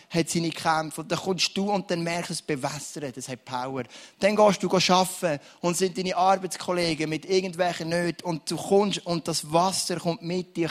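A man preaching a sermon in a church service, reading scripture slowly and moving into prayer with a soft, earnest tone. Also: on the high side. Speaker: pastor.

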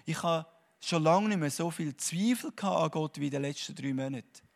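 Animated preacher man. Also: a little high, fairly quick, gravelly. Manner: animated, swinging between quiet musing and loud emphasis. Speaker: conference speaker. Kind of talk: sermon-like talk.

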